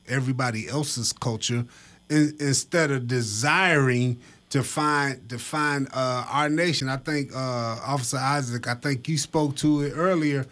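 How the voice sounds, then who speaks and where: A man hosting a radio show, giving an animated religious teaching in an emphatic way, often repeating his words. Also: medium pitch.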